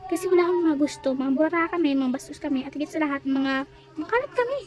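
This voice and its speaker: A woman's voice: high voice, lively intonation, fast. A woman voicing a rude, defiant young schoolgirl in a toy role-play, talking back to her teacher. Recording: crowd noise behind.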